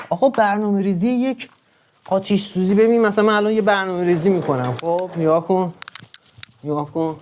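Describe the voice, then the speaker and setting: A man on a live stream, talking straight to his viewers in an emphatic, repetitive way, swinging between loud urging and low murmuring. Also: a little hiss or hum. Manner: emphatic, repeats words over and over.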